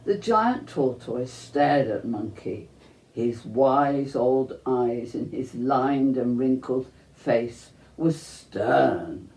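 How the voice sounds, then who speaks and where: Storybook narrator: mellow, slow delivery, scripted reading, echoey room. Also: mid-range voice, expressive. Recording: roomy, echoing sound.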